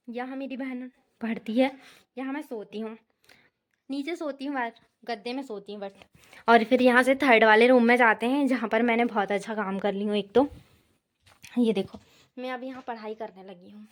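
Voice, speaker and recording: A fairly high-voiced young woman talks easily to her viewers, calling them "bhai" and "yaar". She gives a relaxed tour of her small home and sounds like she is filming on a handheld phone indoors. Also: normal speed. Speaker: vlogger. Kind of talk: casual home tour vlog.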